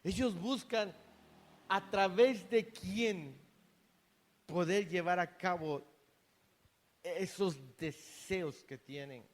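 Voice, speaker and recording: A man's voice: sits high, extremely slow, long pauses. A man preaching a sermon in a church hall, earnest, often repeating and restarting words. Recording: long reverb of a hall.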